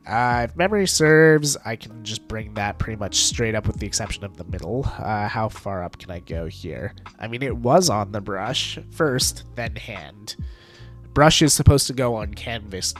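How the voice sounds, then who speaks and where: A man's voice: on the low side, expressive, a little slow, soft background music. A man streaming a game live, chatting casually with viewers and laughing often, his voice stuffed up from allergies. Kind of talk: casual live-stream chat while gaming.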